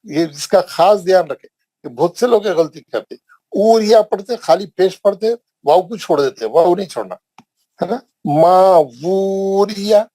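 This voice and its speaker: A middle-aged man with a Hyderabadi accent teaching Quran recitation in an online lesson, slowly drawing out and repeating drill words for his students. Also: a little high, dark tone, breathy edge, no echo, rough recording. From India.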